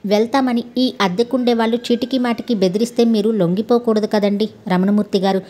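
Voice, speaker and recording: Woman reading a brash, quick-tempered young man who shouts threats. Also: on the high side, fairly even intonation, lightly acted. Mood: heated. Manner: loud, blustering.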